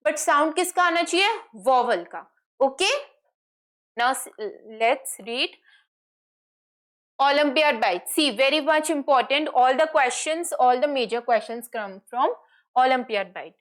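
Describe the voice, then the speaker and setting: A woman with an Indian accent teaching an online grammar lesson. She explains slowly and asks her students questions that she answers herself. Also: sits high, fairly bright tone. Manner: explains slowly in English, then fast in Hindi, asking and answering her own questions. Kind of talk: online lesson, mixing Hindi and English.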